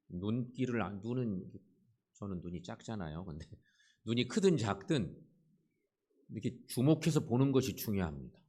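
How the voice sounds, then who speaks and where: A male pastor giving a Sunday sermon in a church, retelling a story in an animated way and acting out the voices. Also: on the low side.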